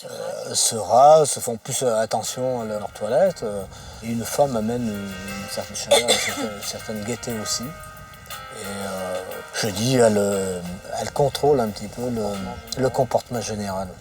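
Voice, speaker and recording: A man with a husky voice reflecting informally in a documentary interview, halting and repeating words as he searches for phrases. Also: on the low side, loud music behind the voice. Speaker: expedition member interviewed for a documentary. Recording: slightly distant microphone.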